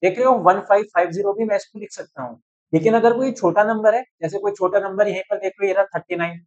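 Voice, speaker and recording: This young chemistry teacher has a high voice and a quick pace, and the sound is lo-fi. He takes students through a calculation one step at a time, chalkboard style, checking frequently that they're keeping up.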